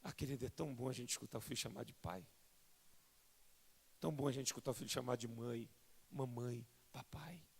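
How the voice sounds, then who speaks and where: A Brazilian man preaching a fervent sermon as a pastor, swelling from soft to loud and often calling listeners "querido". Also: mid-range voice, steady tone, brisk, vocal fry, long pauses, breathy edge. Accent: Brazilian Portuguese. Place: large church sanctuary. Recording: long hall reverb in church.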